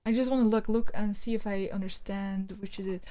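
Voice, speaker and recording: A woman's voice: mid-range voice, brisk, a little hiss or hum. A woman streamer from the Netherlands with a Dutch accent, chatting casually and thinking aloud while playing. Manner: relaxed, chatty, thinking aloud with many fillers. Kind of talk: casual game stream chat and reading aloud.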